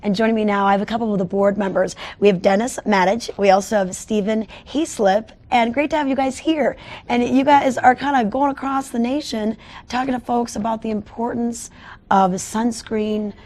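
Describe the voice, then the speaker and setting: A woman's voice: fairly high pitch, fairly even intonation, moderate pace, darkish tone. Chatty woman morning show host. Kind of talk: upbeat TV interview. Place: TV studio.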